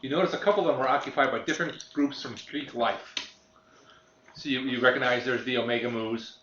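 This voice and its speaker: A man's voice: medium pitch, fairly quick, fairly bright tone, slight background noise. Man running a tabletop game, roomy sound. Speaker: game master. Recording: roomy muffled home recording.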